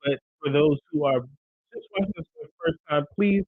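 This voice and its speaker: A man co-hosts a casual live podcast with a playful, upbeat manner. He reads out discussion points and pitches the channel. The sound is dry and narrow, like a phone line. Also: normal speed, dry recording. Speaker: podcast co-host.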